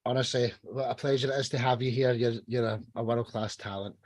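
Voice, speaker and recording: A man hosting a podcast, praising guests effusively and trailing off softly. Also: medium pitch, fairly even intonation, fairly quick, no echo. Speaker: podcast host.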